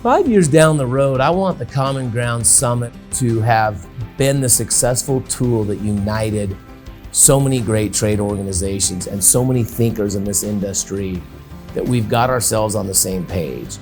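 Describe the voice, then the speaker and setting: A man's voice: lowish voice, normal speed, darkish tone, faint music behind. A man talking in an interview. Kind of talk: interview talk.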